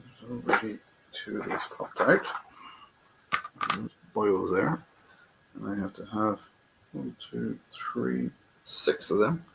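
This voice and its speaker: A tired Irish man with a gravelly, fairly low voice talks casually to his livestream viewers while he works on a model kit. He thinks out loud in a relaxed, chatty way, with a faint hiss behind him. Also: takes it slowly, long pauses. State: tired, yawning. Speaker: livestream host. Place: bedroom.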